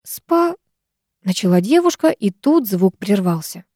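Mellow woman narrating an audiobook. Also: fairly low pitch, dry recording, studio quality. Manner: measured storytelling. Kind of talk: scripted narration.

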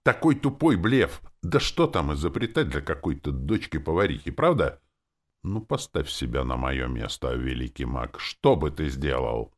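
A man's voice: low voice, big pitch swings, normal speed. A man reading an audiobook, voicing an emotional teenage girl who pleads and accuses sharply. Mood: angry. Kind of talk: audiobook character voice.

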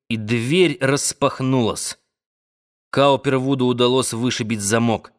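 A man narrating a novel as an audiobook in a measured, dramatic manner. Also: mid-range voice. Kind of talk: scripted literary narration.

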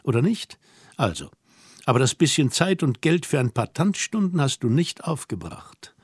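A man reading an audiobook voices a young woman who teases and orders her companion about, asking brisk, mocking questions. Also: mid-range voice, big pitch swings, darkish tone, breathy edge, no room sound, studio quality. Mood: scolding. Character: young woman, teasing, bossy and self-assured. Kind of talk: audiobook dialogue.

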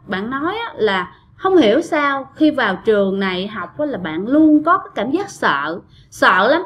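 A woman's voice: a little high, fairly bright tone. A woman casually narrating ghost stories sent in by listeners, talking straight to her audience with lots of fillers. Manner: chatty, addresses listeners directly, many fillers. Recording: dull lo-fi audio.

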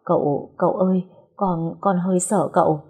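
A woman's voice: on the low side, steady tone, moderate pace, a little mellow, slightly rough. A woman voicing a timid young servant boy who stammers. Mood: scared. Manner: stammering, fearful.

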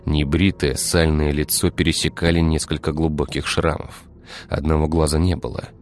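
A man narrating an audiobook in a measured, even storytelling manner. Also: extremely low pitch, faint music behind.

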